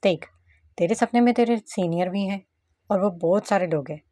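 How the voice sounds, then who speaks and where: A woman's voice: medium pitch, moderate pace, mellow, no echo, clean studio sound, lightly acted. Woman voicing a brash teasing gangster husband. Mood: probing. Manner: street slang, mocking banter.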